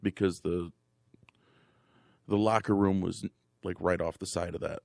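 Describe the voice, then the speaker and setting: A man's voice: low voice, fairly even intonation, unhurried, creaky, darkish tone, dry recording, studio quality. A man casually telling a story on a podcast, wry and conversational. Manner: laid-back, wry, conversational. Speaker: podcast co-host.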